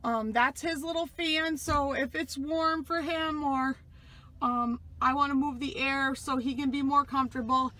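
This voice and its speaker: A woman in her thirties from New York with a high voice talks casually as she shows viewers around her truck cab. She rambles along with plenty of ums, filming on a phone she holds in her hand. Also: fairly even intonation, a little slow, pushed and bright. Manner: chatty, rambling with many fillers. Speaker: truck driver vlogger. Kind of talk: casual vlog tour. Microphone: phone camera held in hand.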